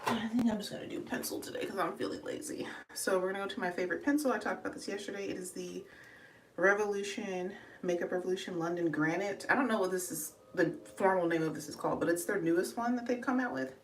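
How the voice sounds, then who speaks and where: A woman's voice: medium pitch, fast, a little hiss or hum. A young adult woman chatting casually through a makeup tutorial, talking to viewers as y'all and sounding out of breath. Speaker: beauty livestreamer. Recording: echoey room, voice slightly distant.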